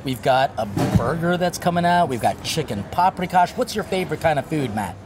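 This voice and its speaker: A man from the United States, a priest hosting a casual food and travel interview at an outdoor restaurant, talking in a lively, jokey way. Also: on the high side, fairly quick, over music. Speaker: host and priest.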